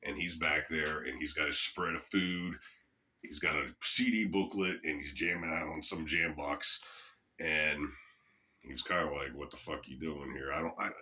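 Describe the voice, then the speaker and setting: A man's voice: a bass voice, steady tone, moderate pace, sharp tone. A middle-aged man telling a rambling, casual story to camera, swearing freely. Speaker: channel host.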